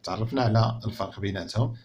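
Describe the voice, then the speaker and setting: A man's voice: fairly low pitch, racing, darkish tone, slight background noise. Patient Moroccan male teacher, muffled recording. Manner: patient, explanatory, repeats and checks understanding. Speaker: primary school teacher. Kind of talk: explaining a French textbook lesson in Moroccan Arabic.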